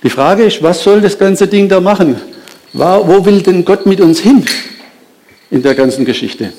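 A man preaching with a slightly high voice. He talks with lively emphasis, stops and restarts his sentences, poses questions and then answers them himself. He speaks straight to the people in front of him. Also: normal speed, a little hiss or hum. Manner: addresses listeners directly. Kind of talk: sermon.

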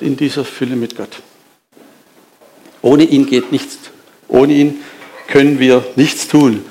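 A man preaching a sermon, lively and emphatic, asking rhetorical questions and speaking directly to his listeners. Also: fairly high pitch.

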